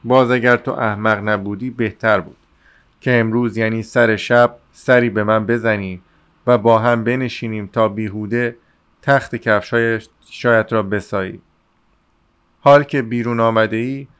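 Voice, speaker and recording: A man reading the lines of an exasperated young man who shouts at and scolds his friend. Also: fairly low pitch, fairly even intonation, clean tone, close to an everyday voice. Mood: scolding.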